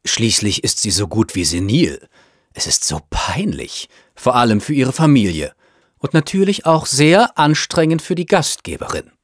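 A man's voice: mid-range voice, sing-song, normal speed, no room sound, studio quality. A man putting on a gushing, snobbish society mother. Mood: disdainful. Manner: gushing, fussy, chattering. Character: snobbish, self-absorbed upper-class mother, middle-aged woman.

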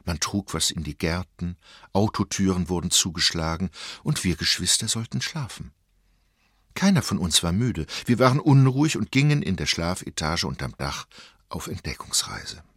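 A man narrating a literary story in a measured, expressive reading. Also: deep voice, slightly rough, no room sound, clean studio sound.

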